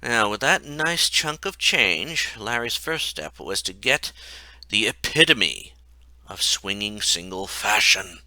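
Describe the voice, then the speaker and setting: A man's voice: fairly low pitch, lively intonation, slow pace, pushed and bright, no room sound. A man reading his own comic story aloud in a wry, mocking way.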